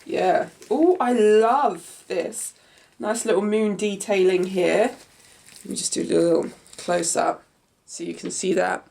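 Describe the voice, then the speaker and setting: A young fashion vlogger with a fairly low, creaky, nasal voice chats through an unboxing and try-on, recorded in a small room. She's eager, narrating everything she picks up, and a little hiss or hum sits under the audio.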